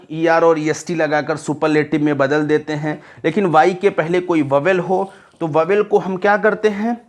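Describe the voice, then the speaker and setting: Male English tutor, high voice, slow and deliberate, spells out words and checks understanding. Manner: asks "confirm?" to check understanding. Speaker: English teacher. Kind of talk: classroom grammar lesson.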